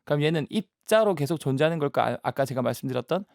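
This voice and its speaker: Fast-talking man explaining with analogies. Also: on the high side, expressive, gravelly, no echo, studio quality. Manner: patient, explains with everyday analogies. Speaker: science communicator guest. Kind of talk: explanatory interview talk. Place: studio. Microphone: studio mic.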